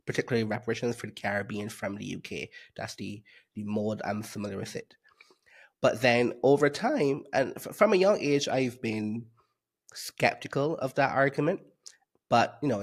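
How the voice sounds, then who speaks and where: A man from Barbados, a guest economist on a podcast interview, explaining his views in a measured way with frequent fillers. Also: mid-range voice.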